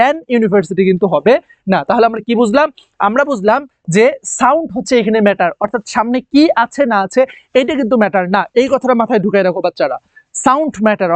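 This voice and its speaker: A man's voice: sits high, no room sound. A man teaching an English grammar lesson, repeating key words and quizzing his students with questions. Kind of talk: classroom lecture.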